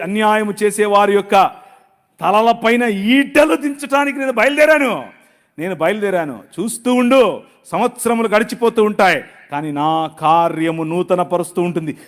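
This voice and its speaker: A preacher voicing God as a stern but loving divine father who rebukes him gruffly. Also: high voice, a bit bright.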